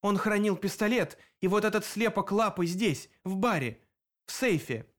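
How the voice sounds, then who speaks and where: A man's voice: high-pitched, lively intonation, normal speed, pitched above the performer's own voice. A man doing a shaky, pleading young bartender. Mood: desperate. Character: timid frightened male bartender.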